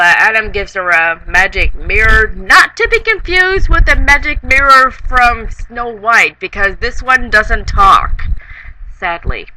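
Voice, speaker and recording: Slow, tipsy, rambling reviewer with a bright voice, sex ambiguous. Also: medium pitch, poor audio. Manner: tipsy, rambling and halting, trailing off. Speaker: comedic reviewer. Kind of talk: casual comedic movie recap to camera.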